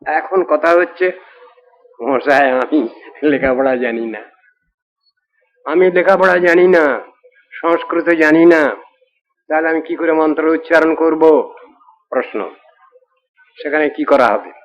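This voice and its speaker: A man preaching a devotional discourse, telling a scripture story and slowly chanting Sanskrit verses. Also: on the high side. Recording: dull lo-fi recording.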